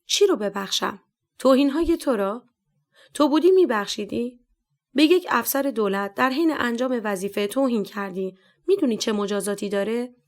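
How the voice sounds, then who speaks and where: A woman's voice: fairly high pitch, animated. A woman voicing a scornful male police captain. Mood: scolding. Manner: harsh, scolding, sarcastic.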